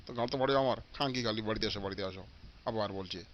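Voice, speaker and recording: A man's voice: fairly low pitch, very fast, dull audio, slight background noise, close to an everyday voice. A man voicing a furious, cursing old father. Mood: angry. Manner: shouting, cursing, repeating threats. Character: foul-mouthed stingy old father, always furious. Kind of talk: comic cartoon voice acting.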